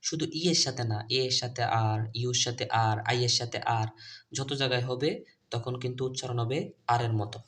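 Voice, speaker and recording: A man with a mid-range, steady, fairly bright voice presents a phonics video for teachers and parents of young children. His first language is Bengali, and he spells out English letters and repeats each word slowly.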